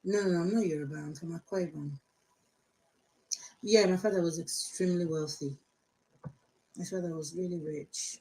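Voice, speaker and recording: A woman's voice: on the low side, fairly even intonation, normal speed, long pauses, warm tone, poor audio. A woman in her fifties from Nigeria with a Nigerian accent, chatting outspokenly on a live stream and answering viewer comments, switching between English and Yoruba. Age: 50s.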